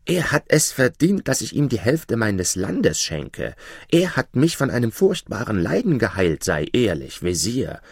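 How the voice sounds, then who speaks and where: A man's voice: medium pitch, wildly swooping pitch, a little slow, creaky, slightly rough, no room sound, clean studio sound, pitched below the performer's own voice, full character voice. A man voicing a proud old-tale king who speaks emphatically and gets indignant, in a storybook reading. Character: grateful proud male king, quick to anger.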